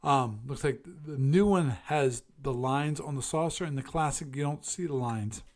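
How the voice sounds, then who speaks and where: A man's voice: medium pitch, normal speed, darkish tone. A man hosting a casual solo show, musing aloud and correcting himself as he reviews and chats. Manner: musing, self-correcting, chatty. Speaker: podcast host.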